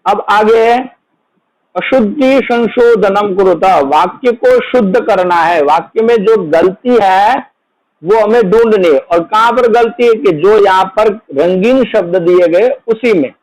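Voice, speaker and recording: A man's voice: high voice, measured pace, darkish tone, low-quality recording. A man teaching a children's worksheet lesson, explaining each answer and then asking it back as a question.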